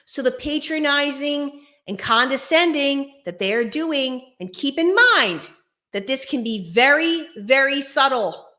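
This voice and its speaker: A woman hosts a casual advice video in a slow, deliberate delivery with a bright, forceful voice. She speaks straight to her listeners with emphasis. The room is bare and echoes noticeably around her words. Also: high-pitched, animated. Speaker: host. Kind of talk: casual direct-to-viewer advice talk. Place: echoey room without carpets or soundproofing. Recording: echoing bare uncarpeted room, faint music.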